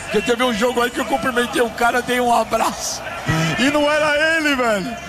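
A man with a Brazilian accent hosting a live sports broadcast from a stadium booth, joking and bursting into shouts. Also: very high voice, over music, a crowd in the background. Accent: Brazilian Portuguese. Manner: excitable, joking, rapid swings to shouting.

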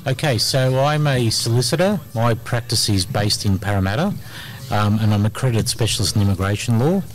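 A middle-aged Australian immigration lawyer talks energetically in a casual radio interview recorded in a community centre hall, with plenty of ums and uhs. His voice is on the low side, animated and a little fast.

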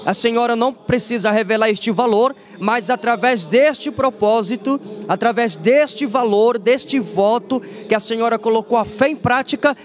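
A man's voice: very high voice, normal speed. A man hosting a religious radio program, fervently prompting a guest's testimony. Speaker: church radio host.

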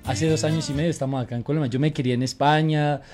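A man's voice: fairly high pitch, steady tone, fast, music in the background. A man in his twenties from Spain, a guest singer in a casual radio interview, talking earnestly and gratefully and often restarting his words. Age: 20s.

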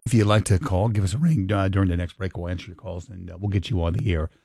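A man in his late fifties hosts a call-in radio show from a studio, teasing callers and rambling with many restarts. His low voice has vocal fry and a quick pace, picked up on a studio microphone over loud background music.

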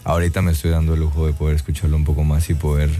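This Guatemalan singer races through a casual interview in a rumbling low, mellow voice with little pitch movement, faint music playing behind him. Reflective in manner, he fills his talk with "eh" and frequent tag "¿no?".

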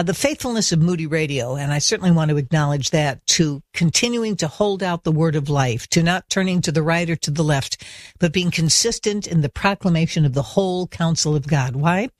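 A man with a high voice speaks in a measured, preacherly way. The sound is dry and close, like a studio. It is an earnest radio address about faith. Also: no room sound. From Washington DC area.

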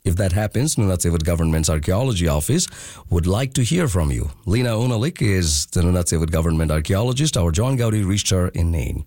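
A man from Bangladesh hosts a radio show in a very low, deep voice. He keeps his questions brief and calm, and the sound is close and dry with no room around him. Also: brisk, no echo. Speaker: radio host. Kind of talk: radio interview and news links.

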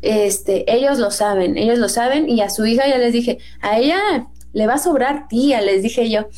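A Mexican woman with a Mexican Spanish accent and a fairly high voice talks through a Bible story in a casual, chatty way. She acts out the quotes she retells with a lifted voice. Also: moderate pace, darkish tone.

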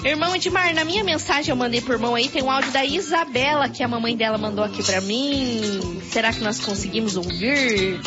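Woman from espirito santo hosting church kids radio, high voice, muffled, music behind. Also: fairly quick, hardly any pauses. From Espírito Santo, Brazil. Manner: exclaims praise often. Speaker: host.

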